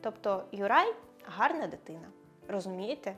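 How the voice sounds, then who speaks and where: A woman's voice: mid-range voice, big pitch swings, moderate pace, fairly bright tone, faint music behind. Playful woman teaching a language lesson. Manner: playful, ironic, explains step by step. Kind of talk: scripted video lesson.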